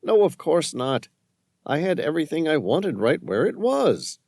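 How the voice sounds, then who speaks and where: A man's voice: fairly high pitch, sing-song, a little slow, gravelly, darkish tone, dry recording, clean studio sound, voice pushed up, exaggerated voice. A man voicing a cold, calculating male handler in an audiobook, speaking in a cool, clipped, businesslike way. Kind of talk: audiobook narration.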